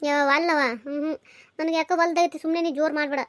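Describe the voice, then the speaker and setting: A woman's voice: sits high, flat delivery, racing, dry recording, studio quality, lightly acted. A woman voicing a grieving, pregnant young village wife in a cartoon, speaking plaintively. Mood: sulky. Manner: plaintive, pleading. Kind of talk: cartoon voice acting.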